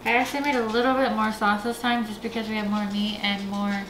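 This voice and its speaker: A woman's voice: medium pitch, flat delivery, quick pace, roomy sound. A woman co-hosting a casual home cooking video, explaining the steps plainly. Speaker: co-host of a family cooking channel. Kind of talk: casual cooking demo chat. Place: home kitchen. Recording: noisy home kitchen.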